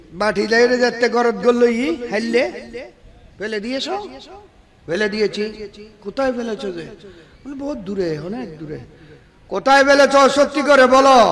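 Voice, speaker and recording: High-voiced preacher shouting into a hall. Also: male voice, gravelly. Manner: storytelling, swings from quiet to shouting. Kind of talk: sermon at an outdoor religious gathering. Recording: reverberant PA sound with a crowd.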